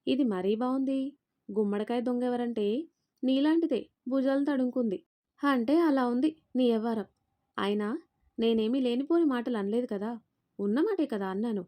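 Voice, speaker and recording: A woman's voice: a little high, normal speed, pauses often, warm tone, close to an everyday voice. A woman doing a haughty, taunting mother-in-law. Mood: scornful. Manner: taunting, scornful. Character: sharp-tongued middle-aged mother-in-law, haughty.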